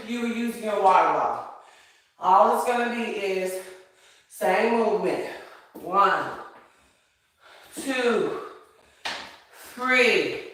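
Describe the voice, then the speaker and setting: A woman's voice: a little high, fairly bright tone. A middle-aged woman leading a casual home workout while exercising, counting reps aloud and coaching informally with effort in her voice. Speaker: workout host. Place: echoey room at home. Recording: very echoey room, distant mic.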